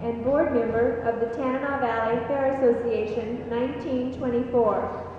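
A woman's voice: on the high side, steady tone, moderate pace, narrow, tinny audio. A woman acting as narrator, reading scripted introductions and history. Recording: echoey hall, distant mic, noisy.

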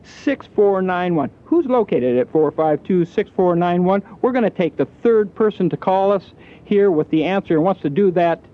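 A genial radio host with a fairly high voice runs his call-in show in an easy, chatty manner, dropping in frequent fillers as he talks. His broadcast comes through thin and tinny, like an old phone line. It has the sound of a small station studio. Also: lively intonation, moderate pace. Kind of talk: on-air call-in radio giveaway patter.

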